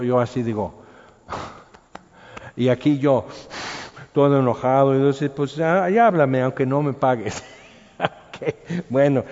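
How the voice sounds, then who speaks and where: A man's voice: mid-range voice, a little mellow. A man with a Mexican accent preaching a sermon as a pastor, telling stories conversationally and acting out quotes. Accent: Mexican Spanish. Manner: conversational storytelling, acts out quotes. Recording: dull sound with long hall reverb.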